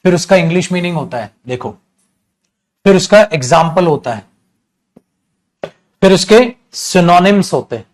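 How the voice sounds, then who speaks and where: A man's voice: sits high, expressive, moderate pace, pauses often. A male English teacher giving an online class lecture, calling his students "beta" and explaining step by step in repetitive lists, with bursts of scolding.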